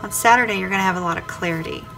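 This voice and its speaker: Speaking quickly, a female tarot reader runs through her weekly forecast for each star sign, talking directly to the viewer and repeating her phrasing. Her voice sits at a medium pitch with a slightly bright tone. The recording is low quality, and music plays clearly under her words.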